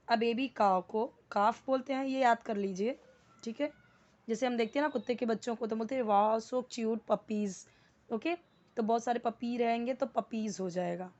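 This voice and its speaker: A woman's voice: fairly high pitch, a little mellow. Woman teaching English words, lo-fi sound. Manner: asks questions then answers them, repeats words for drill. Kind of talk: spoken English lesson.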